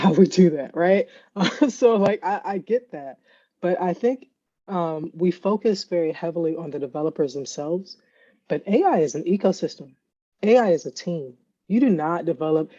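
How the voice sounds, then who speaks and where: A woman guest, an AI ethicist, talking casually in an interview and telling lively stories, laughing often and acting out quotes. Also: fairly low pitch, dull audio. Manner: animated storyteller, laughs often, acts out quotes.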